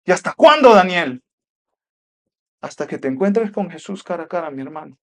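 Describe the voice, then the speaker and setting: A male pastor preaching a sermon. He speaks emphatically, repeats rhetorical questions, and swings from loud passages to hushed ones. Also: sits high, big pitch swings, normal speed.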